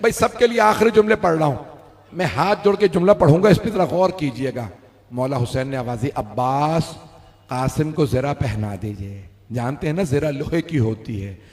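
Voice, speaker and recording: A man giving a mourning sermon at a religious gathering. He tells the story slowly, then breaks into loud, sung and shouted lament. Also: on the high side, gravelly. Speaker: Shia majlis speaker. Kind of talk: mourning sermon, rising to wailing chant. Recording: hall with long reverb.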